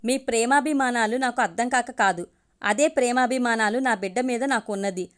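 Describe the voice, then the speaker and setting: A woman's voice: a little high, brisk, close to an everyday voice. A woman voicing a defiant young woman who protects an adopted baby, firm and emotional.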